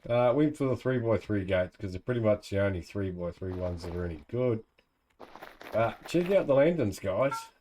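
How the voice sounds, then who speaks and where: A man's voice: lowish voice, animated, moderate pace, mellow, slight background noise, poor audio. A man with a New Zealand accent giving casual, laid-back gameplay commentary, thinking aloud in colloquial speech. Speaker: gamer narrating own let's play.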